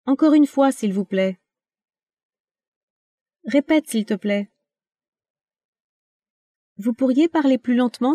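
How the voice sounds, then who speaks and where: Slow, careful woman reading lesson phrases. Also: fairly high pitch, warm tone, dry recording. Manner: careful, deliberate reading of short separate phrases. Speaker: language lesson speaker. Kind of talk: reading practice phrases for learners.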